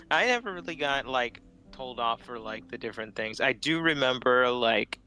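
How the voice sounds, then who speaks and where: Bright-voiced chatty man. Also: mid-range voice, lively intonation, slow pace, soft background music, low-quality recording. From Philippines. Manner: rambling, chatty, laughs often. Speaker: streamer chatting while drawing. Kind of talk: casual chat.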